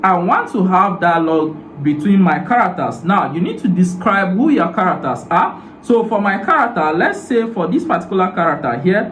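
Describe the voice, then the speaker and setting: Tutorial host, man, slightly high voice, step-by-step delivery, roomy room echo. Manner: step-by-step, repeats "so" and "now". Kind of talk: screen-recorded software tutorial. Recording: roomy echo, faint ambient noise.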